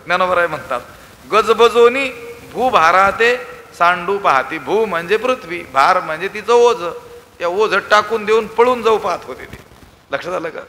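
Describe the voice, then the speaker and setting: Bright-voiced preacher man, hall echo. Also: sits high, brisk. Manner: rhetorical questions, sudden loud emphasis. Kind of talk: devotional scripture discourse.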